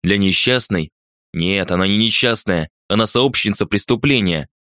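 A wounded young man in a storybook, cold and curt, his low voice brooding, as a man acts him out. The recording is close and dry. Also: normal speed, sharp tone, no echo.

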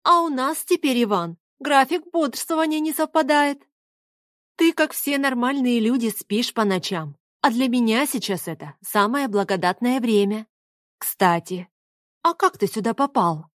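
A woman's voice: fairly high pitch, animated, unhurried, dry recording, studio quality, voice pushed up. A woman reading an audiobook, voicing a spirited, teasing young woman with a mocking, bossy manner.

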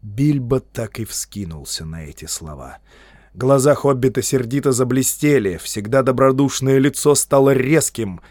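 A man reading a fantasy audiobook as narrator, with an expressive, dramatic storytelling delivery. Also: medium pitch, moderate pace, no room sound, studio quality. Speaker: audiobook reader.

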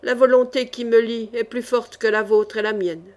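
A woman's voice: on the high side, steady tone, moderate pace, close to an everyday voice. A woman voicing a jealous, hot-tempered male baron in a storybook reading, growling and seething.

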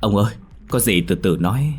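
A man's voice: fairly low pitch, lively intonation, fairly quick, husky. A man voicing a worried middle-aged country mother who pleads and frets over her daughter. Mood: pleading. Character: middle-aged rural mother, anxious and grieving.

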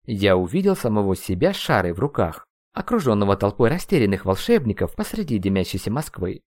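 A man narrating a first-person audiobook, expressive and ironic. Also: fairly low pitch, a little fast, no room sound, clean studio sound.

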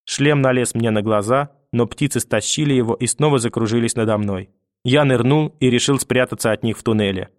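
A man reading a novel aloud as first-person narrator, steady and even. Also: medium pitch, a little fast, no room sound, clean studio sound. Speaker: audiobook narrator. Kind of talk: scripted narration.

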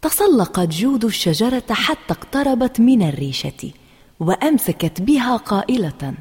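A woman narrating a children's story in an expressive, sing-song way, with a husky voice in a long reverb. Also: a little high, moderate pace.

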